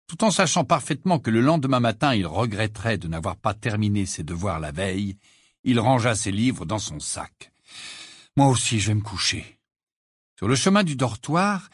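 A man's voice: on the low side, slightly rough, no echo, studio quality. A man narrating an audiobook expressively, acting out the characters. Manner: lively storytelling, acts out characters. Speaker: audiobook reader.

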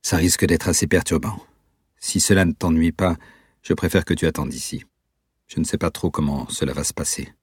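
Un homme qui lit les répliques d'un jeune Hollandais inquiet et sincère, hésitant et suppliant, dans un livre audio. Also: male voice, extremely low pitch, fairly quick, breathy edge, no room sound, clean studio sound. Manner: hesitant, pleading. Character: young Dutch man, anxious and earnest. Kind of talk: audiobook reading.

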